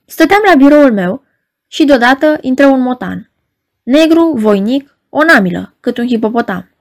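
A woman's voice: sits high, lively intonation. A woman playing a sobbing hysterical secretary. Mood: breathless. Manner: tearful, frantic, slightly nasal from crying.

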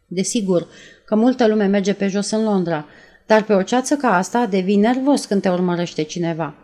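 A woman reading aloud and voicing a nervous young woman who retells events in a breathless, halting way. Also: medium pitch, darkish tone, natural voice. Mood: shaken. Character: nervous young woman, shaken after a shooting.

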